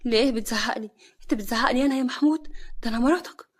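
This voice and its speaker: A woman voicing a scheming, spiteful young wife who sneers and shouts, in a husky, breathy voice. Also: medium pitch, fairly even intonation, rapid-fire, close to an everyday voice. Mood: furious shouting.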